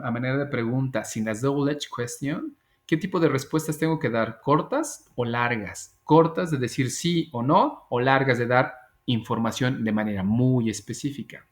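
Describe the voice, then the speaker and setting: A man teaching an English grammar class over a video call, patiently repeating example phrases slowly. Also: mid-range voice. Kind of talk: online class explanation.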